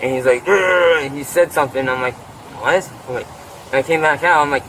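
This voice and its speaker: A man questioned outdoors by a deputy, retelling a fight in a rambling, profane way and often clearing his throat, picked up by a body camera. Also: medium pitch, fairly even intonation, rapid-fire, pushed and bright. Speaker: witness interviewed by deputy. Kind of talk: bodycam interview, agitated retelling. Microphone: officer's body camera. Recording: noisy outdoor bodycam audio.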